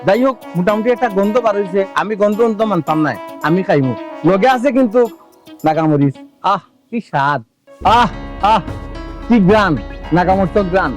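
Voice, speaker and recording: A man doing a boastful Sylheti village husband in a comic drama, his voice sitting high for a man as he rattles off showy patter to his viewers. Faint music plays underneath. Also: expressive, moderate pace. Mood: showing off. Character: boastful village husband eating raw fish for views. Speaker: husband filming a food video.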